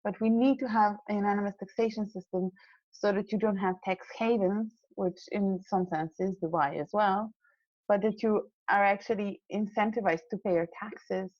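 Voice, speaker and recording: A woman's voice: mid-range voice, steady tone, normal speed, dry recording, dull audio. Earnest young woman from Serbia. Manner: earnest, idealistic, frequent fillers and restarts. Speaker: guest, climate scientist. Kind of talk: casual interview talk.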